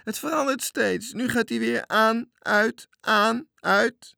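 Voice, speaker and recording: A timid little boy sailor cries out in a squeaky, piercing voice, far above a grown man's speech. The sound is close and dry, as a storybook reading. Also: takes it slowly, vocal fry, pushed and bright, no room sound, exaggerated voice. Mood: alarmed shrieking. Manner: high wailing cries.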